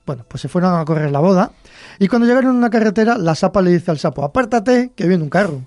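A man with a Cantabrian accent hosts a folklore show, spinning short folk tales in a chatty, folksy manner with many chuckles. His voice is mellow and warm in tone, sitting fairly high. The recording is dry and close. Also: expressive, racing, dry recording. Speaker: host. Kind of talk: storytelling folklore podcast.

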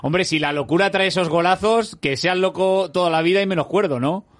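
Male radio host, Spain accent, slightly high pitch, close dry sound, conversational sports interviewing. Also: fairly quick, no echo. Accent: Spanish from Spain.

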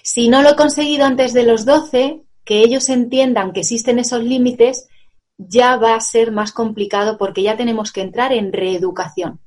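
A woman's voice: a little high, fairly even intonation, normal speed, darkish tone. A woman, a mother giving earnest explanations about parenting in an interview, using examples and tag questions. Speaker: parenting expert guest; mother of two children.

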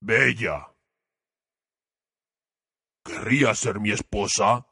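Man doing a humble storybook beast, low, husky, drawn-out lines, sorrowful and gentle. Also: dry recording, clean studio sound, exaggerated voice. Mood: tender, pleading. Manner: slow, heavy, pleading. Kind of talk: storybook reading.

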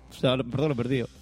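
A man's voice: mid-range voice, a little mellow. A man co-hosting a casual podcast about video games, hesitant and often correcting himself. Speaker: podcast co-host. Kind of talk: casual gaming chat.

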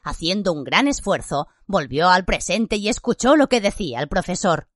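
Expressive woman narrating a story. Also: fairly low pitch, normal speed, no echo, studio quality. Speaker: audiobook narrator. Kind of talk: scripted narration.

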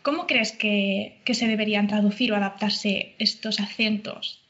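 A woman's voice: mid-range voice, fairly even intonation, normal speed, fairly bright tone, muffled recording. A woman interviewing a guest, asking questions in a friendly way and laughing easily. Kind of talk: conversational interview.

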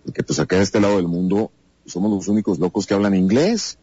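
A man's voice: low voice, fast talker, no room sound, lo-fi sound. A man with a Mexican accent, a voice actor guesting on a podcast, telling stories and acting out the dialogue he quotes. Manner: animated storyteller who acts out quoted dialogue. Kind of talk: casual podcast interview.

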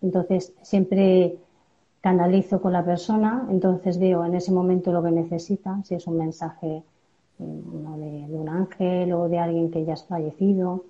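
A woman guest answering interview questions calmly, explaining slowly with little tag questions. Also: lowish voice, dull audio. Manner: calm, explains with filler questions. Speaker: guest medium.

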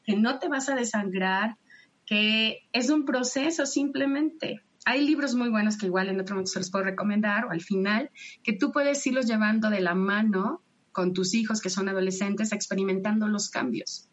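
A woman, a podcast guest explaining sex education in an animated way and laughing often. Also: medium pitch, moderate pace. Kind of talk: podcast conversation. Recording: dull lo-fi sound.

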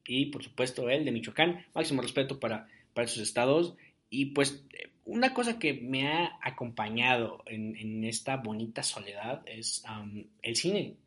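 A man's voice: medium pitch, lively intonation, moderate pace, fairly bright tone. Chatty young man podcasting. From Jalisco, Mexico. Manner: rambling, chatty, many fillers. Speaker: podcast host. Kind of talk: casual solo podcast monologue.

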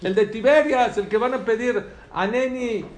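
A man's voice: very high-pitched, normal speed, echoey room. A man teaching a religious lesson to a live audience, telling stories animatedly and questioning his listeners.

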